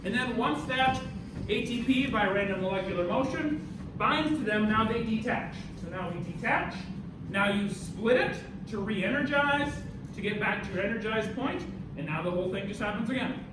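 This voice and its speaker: In an indoor university classroom during a live demonstration, an American instructor gives an animated lecture, theatrically directing students and firing questions at them. He has a high voice with lively intonation at a moderate pace. The recording is noisy and echoey, captured from a distant mic.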